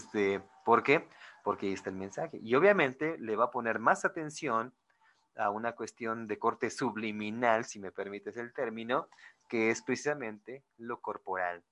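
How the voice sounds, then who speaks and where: A man's voice: medium pitch, unhurried, a bit bright. A middle-aged man with a Mexican accent, teaching a class in a loose, digressive way, full of fillers and direct check-ins with his students. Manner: chatty and digressive, with frequent "este" fillers and asides; addresses listeners directly, checks with "¿no?" and "¿sí?". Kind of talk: informal lecture to students.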